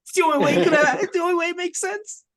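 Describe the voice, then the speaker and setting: A man's voice: very high-pitched, very fast, a bit bright, voice pushed up. A man mimicking a whiny young man who insists, pleading, that a bug he saw was huge.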